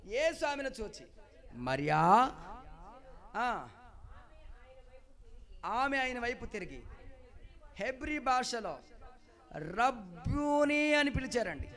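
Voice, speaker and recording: A male pastor preaching a sermon at a Sunday service. He calls out to the congregation for responses and swings between quiet asides and loud, emphatic exclamations. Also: very high-pitched, very animated, takes it slowly, pauses often.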